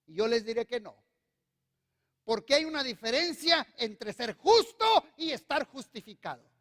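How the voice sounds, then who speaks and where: Pastor guy preaching hard, pretty high voice for a man, big echoey church sound. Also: lively intonation, moderate pace, a bit bright. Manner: emphatic, calls on the congregation to repeat after him. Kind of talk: sermon. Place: church hall. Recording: long reverb of a church hall.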